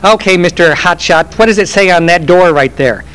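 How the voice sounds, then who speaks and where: A man's voice: high-pitched, normal speed, fairly bright tone, smooth. A man quoting his girlfriend teasing him, in his own voice. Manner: teasing, mocking. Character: teasing girlfriend, young woman.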